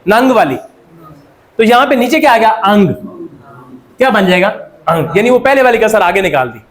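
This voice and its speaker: A Pakistani man teaching a classroom lecture, quizzing students and repeating their answers. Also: very high voice. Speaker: Korean language teacher.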